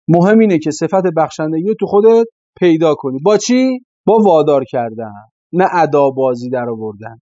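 A man's voice: fairly high pitch, dark tone, no echo. A man giving a religious sermon, stressing points with rhetorical questions and repeated phrases. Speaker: preacher. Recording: slightly dull, dry lo-fi recording.

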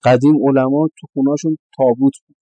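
A middle-aged male cleric delivers a sermon, often repeating phrases for emphasis and slipping into Arabic quotations. His voice is dark and mellow at a middle pitch. The sound is dry and close, with no room echo. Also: steady tone, breathy edge.

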